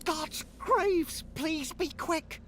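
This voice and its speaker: A man's voice: high-pitched, big pitch swings, slow pace, sharp tone, slight background noise, exaggerated voice. A man playing a craven, scheming old undead dwarf skeleton in a fantasy video game, theatrical as he swings between frantic pleading and ominous intoning. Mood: hasty, nervous.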